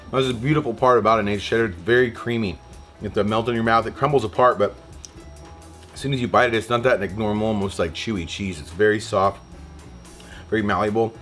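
Fast-talking young man with chatty, rambling delivery. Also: on the low side, a bit bright. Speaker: fishing vlogger. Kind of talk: casual cooking vlog. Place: houseboat kitchen.

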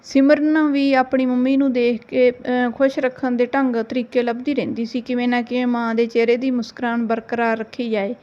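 A woman narrating a short family story in a gentle, steady reading voice. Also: on the high side, moderate pace, hardly any pauses, muffled recording.

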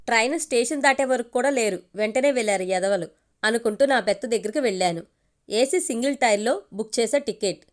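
A woman narrating a family story in the first person, with a steady, expressive reading. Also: on the high side. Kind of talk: audiobook narration.

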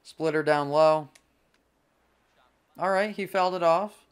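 Young gamer guy commentating his game, slow drawn-out talk, clean smooth voice, gets worked up and yells at plays. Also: fairly high pitch. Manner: excitable, frustrated outbursts. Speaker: gaming YouTuber. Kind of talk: live gameplay commentary.

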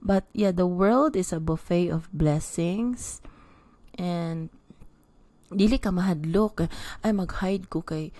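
Filipina lady in her 30s, cebuano accent, earnest pep talk, low mellow voice, dry close mic. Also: takes it slowly, dry recording. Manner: earnest, mixes English with Cebuano, repeats words. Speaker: vlogger. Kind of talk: motivational casual talk to camera. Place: small home room indoors. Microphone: podcast mic on stand, close.

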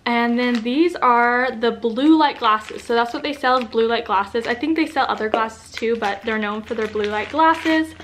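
Bubbly young female vlogger, casual and a little high-pitched, light background noise. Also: normal speed, hardly any pauses. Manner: bubbly and excited. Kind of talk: casual vlog talk to camera.

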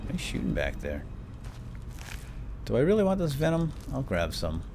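A medium-pitched male voice with wildly swooping pitch, at a moderate pace over a noisy background. The let's player offers playful, lightly role-played game commentary, talking to himself and his in-game companions, while cave ambience, combat, and other game sound effects play behind him.

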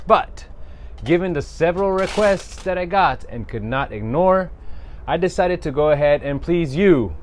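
An Italian man hosts an airgun channel, casually reviewing a product at an outdoor backyard shooting range with theatrical announcing. His voice sits on the high side, expressive at a moderate pace, with a bit of hiss or hum.

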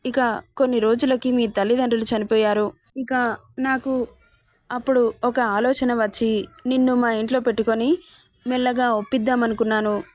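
A woman's voice: a little high, level tone, moderate pace, long pauses, darkish tone, dry recording, close to an everyday voice. A woman reading a calculating, persuasive older sister.

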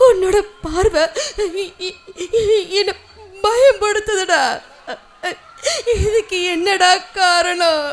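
A tearful, halting young lover. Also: female voice, very high-pitched. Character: young woman, emotional, teasing her beloved. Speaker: young woman in love. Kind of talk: film drama dialogue.

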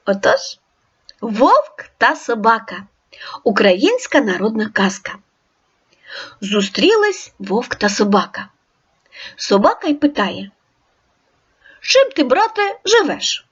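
Woman teacher recording a children's reading lesson; high, lively, encouraging, dull recording. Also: slow, pauses often. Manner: clear, encouraging instructions to the child. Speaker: primary school teacher.

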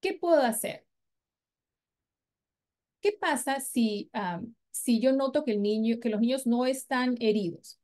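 A woman presents a parenting training in a patient, explanatory way. Her voice sits a little high, and she keeps checking that her listeners follow. When she shows how to question a child, she softens her voice. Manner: patient, explanatory, frequent "¿verdad?" and "¿ok?" check-ins; models gentle questions to children in a soft voice. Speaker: parenting educator.

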